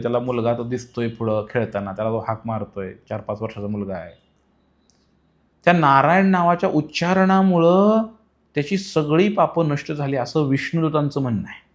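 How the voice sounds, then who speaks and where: A devotional preacher delivers a sermon in storytelling style. He explains things patiently, raising his pitch and volume to stress key points.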